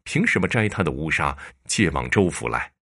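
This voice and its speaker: A man's voice: extremely low pitch, very animated, normal speed, vocal fry, exaggerated voice. A man voicing a guilty, blustering male county magistrate who talks in an evasive, hesitant way. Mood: defiant. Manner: evasive, hesitant, then shouting defiance.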